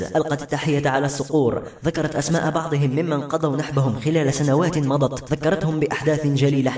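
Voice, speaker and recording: Fast-reading male storyteller, echoey room. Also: medium pitch, darkish tone. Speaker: audiobook narrator. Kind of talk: novel narration.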